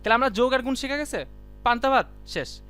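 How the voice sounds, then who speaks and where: Man, teacher, high voice, bright, casual lecture, quizzes students, faint music behind. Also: expressive, fast. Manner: chatty, quizzes students by name; colloquial, keeps saying "done" and "see". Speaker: ICT teacher. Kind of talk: casual live class lecture.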